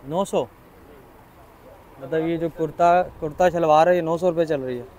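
A man's voice: a little high, normal speed, darkish tone. A man, chatting enthusiastically as he tours an outdoor city bazaar with a handheld phone camera and asks shopkeepers for prices. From Pakistan. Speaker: vlogger touring a market. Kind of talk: casual walking market tour vlog.

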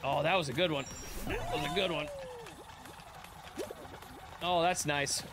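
A man's voice: fairly high pitch, unhurried. A man streaming a video game, giving casual, joking commentary and cheering on his teammates. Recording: game music behind the voice.

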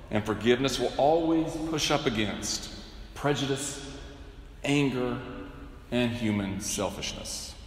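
A middle-aged man preaching a sermon from a cathedral pulpit, measured and wryly humorous, often asking rhetorical questions. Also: medium pitch, slight background noise. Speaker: bishop preaching. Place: large cathedral, indoors. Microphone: pulpit microphone. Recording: echoey cathedral with long reverb.

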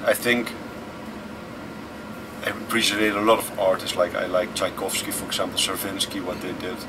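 A Dutch-speaking man in his thirties, a guest musician, answers interview questions on a tour bus, relaxed and thoughtful, with plenty of filler words. His voice is deep and his pace normal. The camera sits close in front of him, yet the mic sounds distant, with air conditioning and vehicle hum in the background.

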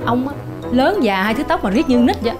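A woman's voice: sits high, lively intonation, fairly quick, music in the background. An actress in a sitcom playing a wife who scolds her husband in an exasperated, nagging way. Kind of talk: sitcom acting.

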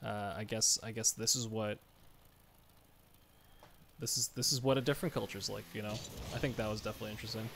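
A man's voice: on the low side, fairly even intonation, quick pace, vocal fry, pauses often, a bit bright, a little hiss or hum. A young man streaming a game, talking casually in a rambling, conversational way. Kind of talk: casual livestream chat. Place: small indoor room at home.

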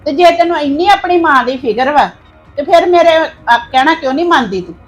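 A woman's voice: high voice, expressive, brisk, soft background music. An actress playing a stern, scolding mother-in-law in a family drama. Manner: scolding, sharp.

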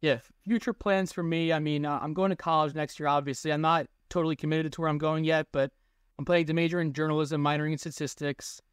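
A man's voice: fairly high pitch, flat delivery, quick pace, clean tone, dry recording, studio quality. A teenage boy answering interview questions over a video call, rambling and filling his sentences with "like". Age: teens. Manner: rambling, lots of "like". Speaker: guest, baseball analytics tweeter. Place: small room indoors. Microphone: webcam on a video call.

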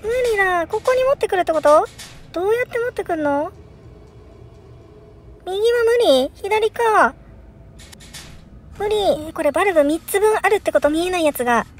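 Female horror game streamer, extremely high-pitched, excitable, thinks aloud, given to alarmed outcries. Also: normal speed. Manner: excitable, crying out in alarm with repeated panicked exclamations; thinks aloud, puzzling through moves. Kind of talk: first-play horror puzzle game commentary.

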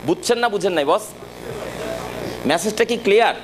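Emphatic high-voiced male sales trainer. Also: animated, moderate pace, noisy background. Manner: emphatic, direct, repeatedly checks the audience understands. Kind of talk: live sales training talk to staff.

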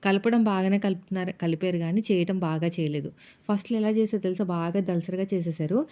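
A woman's voice: lowish voice, fast talker, warm tone. A woman, a housewife vlogger, chatting casually as she narrates her day and retells family arguments. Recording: dull lo-fi sound.

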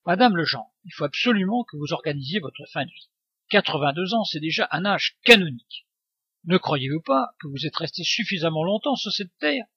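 A man's voice: fairly high pitch, expressive, brisk, husky, dry recording, dull audio. A man reading the part of a pushy negotiator who insists and argues. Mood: insistent. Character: pushy male end-of-life negotiator.

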